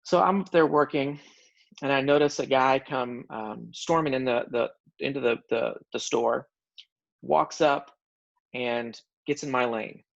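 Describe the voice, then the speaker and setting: A man sharing a personal story in casual conversation, animated and joking, often restarting his sentences. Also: medium pitch, measured pace, gravelly. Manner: animated, self-described funny guy, frequent restarts. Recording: dull lo-fi recording.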